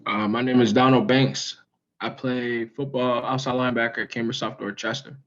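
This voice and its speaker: A teenage high school football player from Maryland giving brief, hesitant interview answers with many "um"s and a polite "yes, sir". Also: male voice, level tone, moderate pace, a bit bright, muffled recording. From Maryland, USA. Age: teens.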